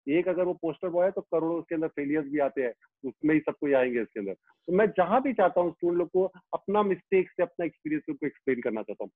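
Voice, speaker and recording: A middle-aged man, a teacher, talks emphatically in an interview and circles back to his key phrases again and again. His voice sits on the high side. The recording is tinny and phone-like, with no room sound at all. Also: no room sound. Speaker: teacher of students and YouTube educator. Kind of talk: animated interview talk. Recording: tinny phone-like line, dry.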